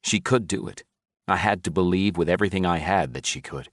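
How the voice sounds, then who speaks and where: A man narrates a first-person audiobook with a wry, self-mocking edge. His voice sits very low, and the read is close and dry, with no room sound. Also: a little fast, a bit bright, no room sound.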